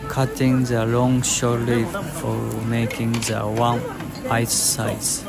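A young man vlogging in a restaurant, explaining the dishes in slow, simple, short sentences. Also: mid-range voice, flat delivery, gravelly, over loud music, low-quality recording. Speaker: food vlogger. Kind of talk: narrating a restaurant meal. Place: yakiniku restaurant, indoors.

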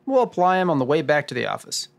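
In an old-time noir radio drama, a man plays a detective narrator who is earnest and wry, staying unruffled throughout. His fairly high, creaky voice moves quickly in a sing-song way. Music plays under his voice.

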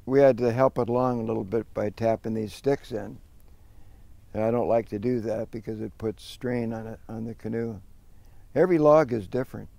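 A man's voice: lowish voice, normal speed, vocal fry, mellow, dry recording. An older man, a canoe carver, explaining his methods in plain, practical talk with some fillers, outdoors at a work site. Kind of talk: hands-on demonstration.

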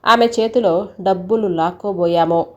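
A woman's voice: on the low side, moderate pace, highs cut off. A woman reading a courtroom short story aloud, speaking the characters' lines in her own voice. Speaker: story narrator.

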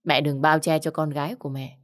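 A woman's voice: deep voice, little pitch movement, brisk, natural voice. A woman reader voicing an angry, jealous young husband who speaks in harsh, accusing bursts. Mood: furious.

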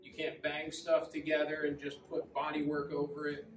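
A man in his forties talks through a custom bike in an easy, conversational way, with plenty of ums and uhs. His voice sits a little high. The camera stands a few feet off in a large metal-walled showroom, so the sound is roomy and echoing, with a faint hum behind it. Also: completely flat delivery, normal speed. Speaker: custom motorcycle builder, shop owner. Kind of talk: casual walkaround shop tour. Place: large indoor motorcycle showroom with metal walls. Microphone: camera several feet away. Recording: roomy echo, distant mic, faint room hum.

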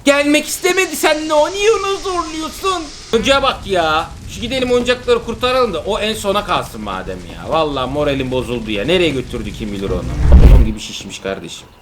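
A man's voice: high voice, very animated, fast talker, few pauses, fairly bright tone, slight background noise. A young father hosting a casual let's-play, reacting with dramatic exclamations and teasing. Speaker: father and gaming channel host. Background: background music.

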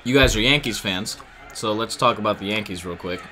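A man hosts a loose, jokey podcast with a low but bright, forceful voice. He rambles through plenty of fillers and restarts as he eats. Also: brisk. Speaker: podcast host. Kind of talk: casual chat while eating.

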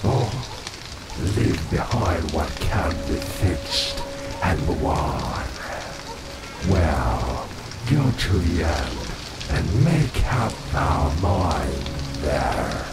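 A man voicing a possessed, demonic evil spirit in a horror game, taunting with slow, halting menace. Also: extremely low pitch, big pitch swings, full character voice. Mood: menacing. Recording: echoing voice under loud music.

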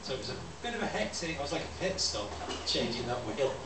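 A poet reads a poem live to an audience in a small library room, in a measured, declamatory, repetitive deadpan style, though his mid-range voice is very animated. The mic is on a stand, but a distant camera picks up the sound, so the recording is echoey, far-off and noisy.

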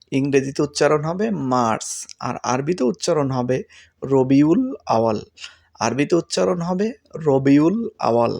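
A man's voice: a little high, darkish tone. A man with a Bangladeshi Bengali accent teaching vocabulary in a casual spoken lesson, saying each word again and again so learners can memorize it. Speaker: language teacher.

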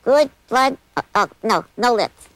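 A cheeky childlike puppet, put on by a woman ventriloquist, drawling each word slowly and teasingly. The voice sits fairly high and bounces up and down lively. It belongs to a children's TV puppet act. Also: no room sound. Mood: playful. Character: playful childlike puppet, cheeky and slow-talking.

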